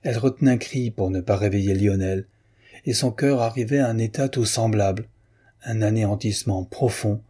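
A man narrating a novel aloud in a measured, literary way. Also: fairly low pitch, mellow, husky.

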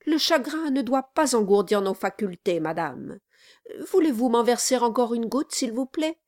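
A woman voicing a sly, obsequious male lawyer who gushes flattery in an unctuous manner, in a dry recording. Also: a little high, moderate pace, no room sound. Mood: fawning.

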